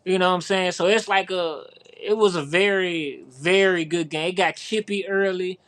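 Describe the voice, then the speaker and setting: A man's voice: high voice, steady tone, normal speed, fairly bright tone. A male podcast co-host in casual sports chat, talking in a rambling way with many repeats and fillers.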